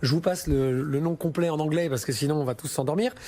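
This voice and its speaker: A man's voice: a little high, fast talker, mellow. A man working as a financial adviser, explaining investments on a listener question show in a chatty, informal way with frequent hesitations.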